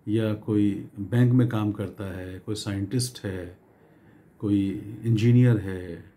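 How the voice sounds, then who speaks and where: A middle-aged man giving a conversational motivational talk on network marketing, pausing on fillers and repeating phrases as he goes. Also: fairly low pitch, dark tone.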